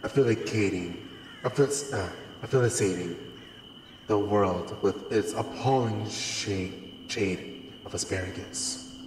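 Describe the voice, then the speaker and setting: A streamer doing a deep voice-changer narrator. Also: slow, a little mellow, a little hiss or hum. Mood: dreamy. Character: eccentric narrator obsessed with the color red. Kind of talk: reading a visual novel aloud. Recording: roomy reverb with music behind.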